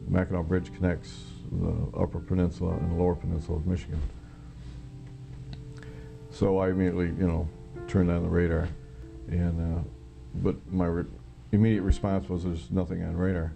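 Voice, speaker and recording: In an interview, a former air traffic controller from America recounts his own experience in a halting, plain-spoken, matter-of-fact way. His voice is low and creaky.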